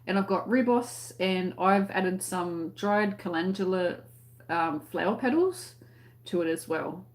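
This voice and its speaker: Hosting a crochet tutorial live-stream, an Australian woman rambles conversationally to her viewers, frequently letting thoughts trail off unfinished. She speaks in a voice on the low side at an unhurried pace.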